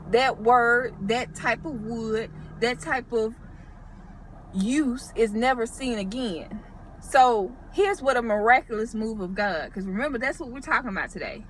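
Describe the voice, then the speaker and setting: A woman's voice: a little high, fairly bright tone, slight background noise, low-quality recording. A woman giving a casual Bible teaching, thinking aloud and checking her notes. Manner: conversational, thinks aloud with restarts, refers to notes.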